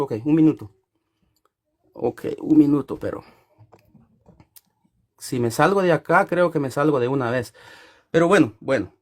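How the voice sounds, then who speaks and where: A man in a theological debate, speaking haltingly with many fillers. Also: on the high side. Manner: halting, full of fillers and restarts. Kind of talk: theological debate closing remarks.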